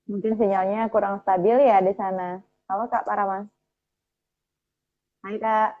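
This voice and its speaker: A woman's voice: mid-range voice, flat delivery, unhurried. Woman host on a bad, lo-fi connection. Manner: friendly, calls out repeatedly to a guest. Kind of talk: online live chat interview. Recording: dull lo-fi online call sound.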